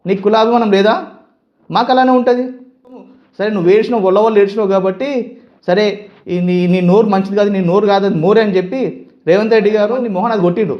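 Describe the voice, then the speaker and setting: A man's voice: high-pitched, steady tone, very fast, long pauses, highs cut off. A man with a Telangana Telugu accent, a youth leader of a community association, delivers an angry political statement. He scolds with a string of heated rhetorical questions.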